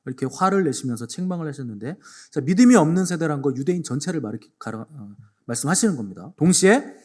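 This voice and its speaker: A male pastor delivering a Sunday sermon, retelling scripture with acted-out dialogue and sudden swings from quiet to forceful. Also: a little high, animated, fast. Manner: acts out biblical speakers in dialogue, swings between hushed and emphatic.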